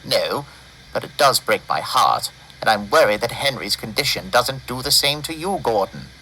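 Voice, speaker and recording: A man's voice: mid-range voice, lively intonation, moderate pace, sharp tone, slight background noise, poor audio. A man voicing a kind but stern older male steam engine in a storybook reading, scolding earnestly.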